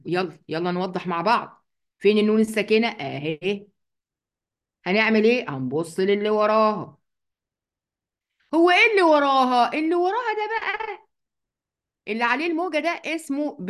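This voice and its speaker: A woman with an Egyptian Arabic accent teaching a Quran tajweed lesson, patiently asking and answering her own questions and reciting words slowly and drawn out. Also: on the high side.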